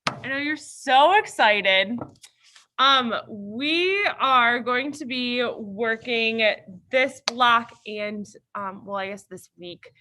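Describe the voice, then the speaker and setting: A woman's voice: on the high side, bright, forceful tone. Upbeat young woman teaching a class. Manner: casual, filler-heavy, upbeat. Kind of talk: classroom instruction.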